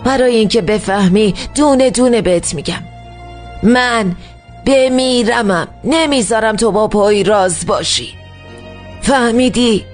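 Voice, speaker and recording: A woman's voice: fairly high pitch, faint music behind, natural voice. A woman dubbing a stern, hostile older aunt who scolds and warns in a cold voice. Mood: scolding. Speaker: dubbing actor. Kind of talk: dubbed TV drama.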